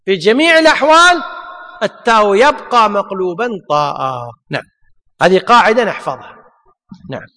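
A man's voice: sits high, animated, moderate pace, pushed and bright. A man teaching a grammar lesson, repeating his points and asking and answering his own questions. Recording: long hall reverb.

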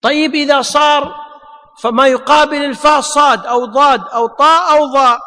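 High-voiced man teaching in an echoey hall. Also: fairly even intonation, brisk, sharp tone. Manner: repeats points, asks and answers own questions. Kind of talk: classroom grammar lesson. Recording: long hall reverb.

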